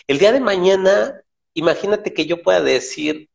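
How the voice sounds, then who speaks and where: A man talking in a relaxed, reflective way, often ending his points with a tag question. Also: high voice, normal speed, gravelly, highs cut off. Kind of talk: casual conversation.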